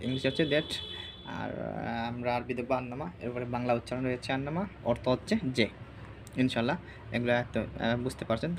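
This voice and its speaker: Guy teaching arabic words on screen share, says each one like five times, bit of hiss behind. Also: mid-range voice. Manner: repetitive drilling, repeating each word several times. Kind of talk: screen-share vocabulary lesson.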